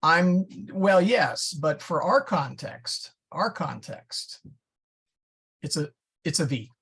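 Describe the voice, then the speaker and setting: A man lectures at an unhurried pace in a casual classroom manner, pausing to correct himself as he explains. His voice has a gravelly edge and a husky grain. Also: on the high side, expressive, fairly bright tone. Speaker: Latin teacher. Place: church classroom.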